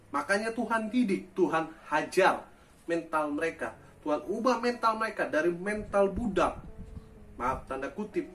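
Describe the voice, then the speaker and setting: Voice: medium pitch, fairly bright tone, far from the mic. A pastor preaching a sermon with emphatic rhetorical questions and apologetic asides.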